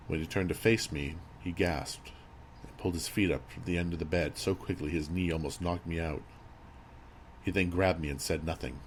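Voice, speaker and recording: Male horror narrator, very deep register, measured and grave delivery, slight background noise and ambience. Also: fairly even intonation. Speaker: creepypasta narrator. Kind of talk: scripted horror story narration.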